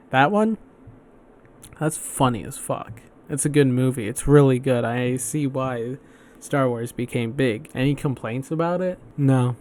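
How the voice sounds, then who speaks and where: A man's voice: medium pitch, darkish tone, slight background noise. A man hosting a solo podcast, chatting casually and rambling, swearing and restarting his sentences often. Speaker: podcast host.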